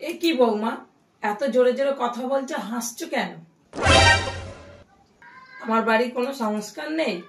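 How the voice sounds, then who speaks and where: A woman's voice: on the high side, gravelly, slight background noise. A woman playing a nagging strict mother-in-law, echoey. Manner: scolding, repetitive nagging. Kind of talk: comedy skit acting. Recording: echoey room, mic far off.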